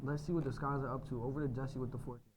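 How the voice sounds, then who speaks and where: A man's voice: mid-range voice, fairly even intonation, rapid-fire. A teenage male anchor reading a scripted school morning show. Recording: clearly noisy room sound.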